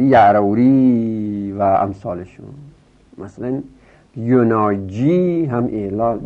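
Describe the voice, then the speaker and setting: A male teacher works through a grammar lesson patiently, step by step. His fairly low voice lifts into a chant each time he recites a row of verb forms. The recording is thin and phone-like. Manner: recites verb forms in a rising sing-song, explaining step by step. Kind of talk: Arabic grammar lesson in Persian.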